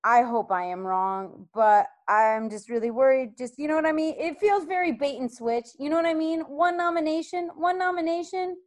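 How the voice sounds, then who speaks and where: Animated high-voiced woman hosting. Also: moderate pace, few pauses. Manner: animated, repeats herself for emphasis. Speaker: host. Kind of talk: casual fan chat.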